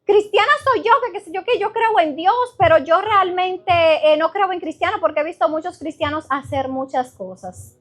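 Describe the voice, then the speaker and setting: A woman preacher voicing a superstitious woman friend in a quick, high, insistent way. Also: fairly bright tone. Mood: defensive. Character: chatty middle-aged woman friend, superstitious.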